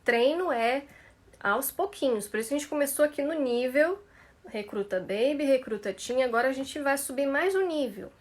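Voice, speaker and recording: A woman's voice: high-pitched, animated, normal speed. A woman career mentor coaching viewers through tongue twisters on a live stream, playful and laughing often, stretching each syllable carefully.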